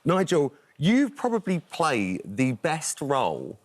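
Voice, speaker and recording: A man's voice: fairly high pitch, wildly swooping pitch, slow pace. A man hosting a chatty live interview in a jokey, effusive way. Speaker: host.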